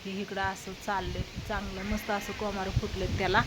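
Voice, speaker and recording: A woman's voice: medium pitch, flat delivery, moderate pace. A woman chatting casually in a home vlog outdoors, coaxing her pets in a sing-song voice. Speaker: vlogger. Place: outdoors at a house doorway, windy and rainy. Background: faint wind and rain.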